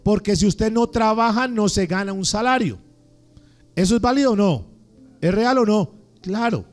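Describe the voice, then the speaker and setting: A man's voice: high voice, expressive, moderate pace. A man preaching a sermon as pastor, putting questions to his congregation. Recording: faint music underneath.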